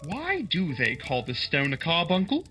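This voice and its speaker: A man's voice: fairly high pitch, huge pitch swings, normal speed, pushed and bright, breathy edge, soft background music, heavily acted. A man playing an earnest, slightly dim doctor sidekick who also narrates a radio play politely. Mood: wondering.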